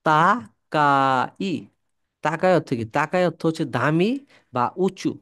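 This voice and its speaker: A man from Bangladesh, teaching a language lesson, repeating words and quizzing the listener. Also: on the high side. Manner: drills syllables slowly for practice. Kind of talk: classroom-style lesson.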